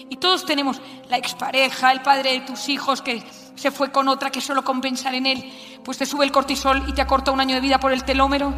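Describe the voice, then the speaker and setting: A woman in her forties with a Spanish accent, telling a story in a lively, animated way during a talk to an audience. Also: high-pitched. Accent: Spanish (Spain). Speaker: speaker giving a talk. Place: large hall with audience. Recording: hall reverb, faint music.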